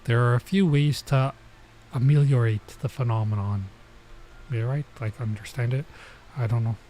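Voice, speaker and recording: Reading a visual novel aloud on stream, this man tosses in casual remarks and stops to explain and translate Japanese lines. He has a mellow, medium-pitched voice with fairly even intonation and normal speed.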